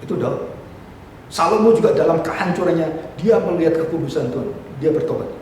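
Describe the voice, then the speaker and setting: A male pastor preaching in speech, animated and acting out biblical dialogue. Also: on the high side, fairly quick. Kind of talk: sermon. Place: church hall. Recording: echoey hall, distant mic, faint noise.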